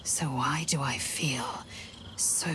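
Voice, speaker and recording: A woman's voice: rumbling low, takes it slowly, fairly bright tone, slight background noise, heavily acted, rough recording. An actress playing a proud, fierce githyanki warrior woman in a video game, speaking formally and with solemn intensity. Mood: solemn, bitter. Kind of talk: dramatic video game acting.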